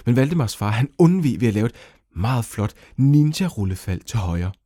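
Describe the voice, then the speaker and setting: A man narrating a children's story in a lively, animated way. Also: dry recording, studio quality. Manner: lively, animated storytelling with sudden pitch jumps.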